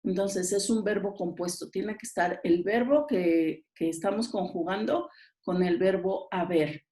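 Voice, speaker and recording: A woman's voice: mid-range voice, measured pace, warm tone. A woman teacher patiently explains exam answers and often checks that her listeners follow. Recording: roomy echo.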